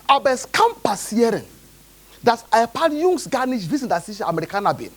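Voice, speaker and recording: A man's voice: very high-pitched, sing-song, moderate pace. A man from Nigeria, preaching a sermon as pastor and often checking in with his congregation.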